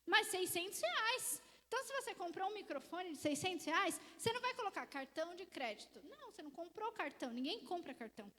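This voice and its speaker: High-voiced Brazilian woman in a reverberant hall. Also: quick pace, hardly any pauses. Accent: Brazilian Portuguese. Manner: lively storytelling, acts out conversations with clients. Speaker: finance seminar speaker at a church. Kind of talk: church seminar talk. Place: church hall. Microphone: microphone.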